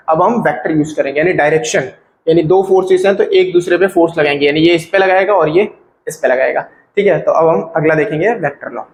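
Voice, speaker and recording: A man's voice: a little high, reverberant, low-quality recording. A man teaching a physics lecture, explaining step by step and often checking whether his students are following. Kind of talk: classroom lecture.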